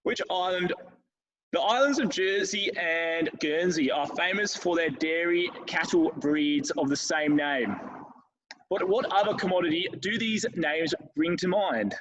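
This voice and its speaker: A man's voice: on the high side, expressive, unhurried, fairly bright tone, lo-fi sound. A man hosting a casual podcast quiz, reading out questions and teasing his co-hosts. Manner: playful, teasing, reads questions aloud. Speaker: quiz host.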